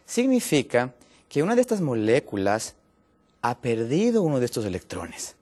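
A man from Ecuador, a guest on a health program, explaining a topic patiently with many pauses and fillers. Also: mid-range voice, huge pitch swings, a little mellow.

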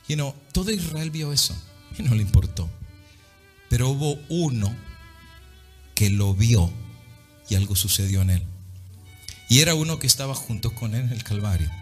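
A man preaching a dramatic sermon, swinging between loud and hushed, slipping into English now and then. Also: on the low side.

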